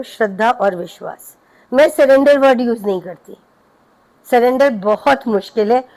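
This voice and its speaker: A middle-aged woman sharing a devotional satsang story with lively, heartfelt storytelling. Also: on the high side, poor audio. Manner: lively storyteller, acting out her own pleading.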